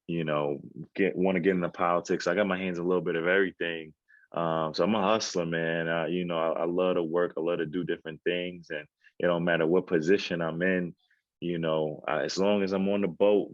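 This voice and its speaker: A man with a very low, deep voice talks in a relaxed, streetwise way, as a podcast guest. The sound is dull and muffled, as on a remote call, and completely dry. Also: no room sound. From Queens, New York. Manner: laid-back, streetwise slang. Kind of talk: casual conversational interview.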